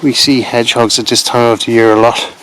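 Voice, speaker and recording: A man's voice: mid-range voice, flat delivery, fairly quick, fairly bright tone, slight background noise, low-quality recording. A man presenting wildlife in an informal, explanatory nature documentary style, speaking to viewers. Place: mostly outdoors in nature.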